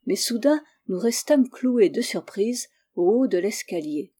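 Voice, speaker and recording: A woman reads a classic story aloud as its narrator. Her delivery is steady and even. Her voice is mellow and warm. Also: mid-range voice, measured pace, breathy edge. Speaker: audiobook reader. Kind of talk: scripted narration.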